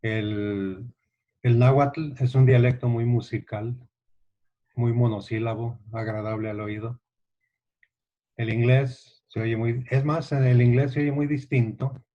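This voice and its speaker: A man's voice: medium pitch, steady tone, takes it slowly. A man with a Guanajuato Mexican accent lecturing a literature class, explaining patiently and asking rhetorical questions of his students. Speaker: literature teacher. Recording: dull lo-fi recording.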